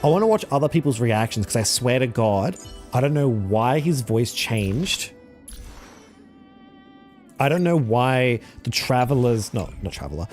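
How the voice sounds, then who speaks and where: A man streaming a game live, reacting loudly, swearing freely and thinking out loud as he plays. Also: medium pitch, unhurried. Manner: excitable, swears a lot, thinks aloud. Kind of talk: casual live-stream commentary. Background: faint game music.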